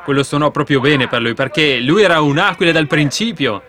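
A man's voice: a little high, expressive, brisk, fairly bright tone. A man preaching a sermon to a congregation, speaking fervently and swelling into emphatic outbursts.

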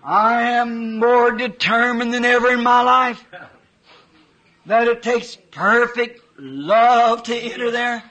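A preacher man tells of a vision with fervor, his speech folksy and unpolished. His voice sits very high for a man and comes out bright, and he takes his time between phrases. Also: slow, poor audio. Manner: fervent storytelling with folksy grammar. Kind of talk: sermon recounting a vision.

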